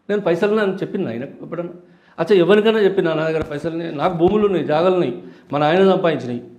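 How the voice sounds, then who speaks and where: A man's voice: fairly high pitch, a little mellow, roomy sound. An older man with a Telangana Telugu accent, a politician answering interview questions in an angry, accusatory way, challenging a rival directly. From Telangana, India.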